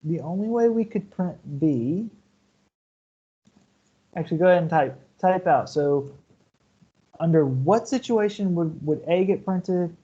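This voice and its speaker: With a high-ish, dark voice that carries a breathy edge, a university lecturer teaches programming online using shared slides. His intonation is lively, though he goes a little slowly and pauses often, explaining step by step and checking in with "okay?" and "right?" on a muffled recording.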